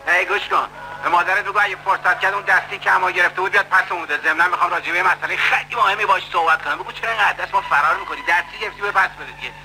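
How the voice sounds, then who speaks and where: A man's voice: high voice, gravelly, bright, forceful tone, slight background noise, full character voice, rough recording. A man dubbing a swaggering, bullying middle-aged café loafer who mocks and threatens in a film. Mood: mocking. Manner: blustering, mocking, threatening. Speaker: dub actor. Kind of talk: dubbed film acting.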